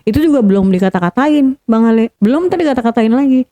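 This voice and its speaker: A woman's voice: on the high side, expressive, fast talker, warm tone. A woman guest telling a painful family story in earnest first-person detail, repeating key points for emphasis. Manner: earnest, re-enacts quoted dialogue, repeats for emphasis.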